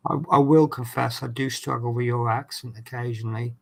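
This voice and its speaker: Working away at a hobby build on his stream, an East Anglian man with a Norfolk accent chats and teases in an easygoing way. His mid-range voice is a little mellow, with vocal fry and fairly even intonation, and he talks a little fast.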